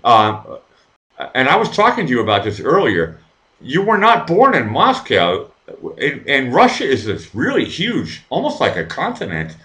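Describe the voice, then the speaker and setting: A middle-aged man hosts a casual live chat show. His delivery is animated, with wide pitch swings, as he jokes, rambles and repeats the starts of his phrases. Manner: joking, rambling, repetitive stammering starts.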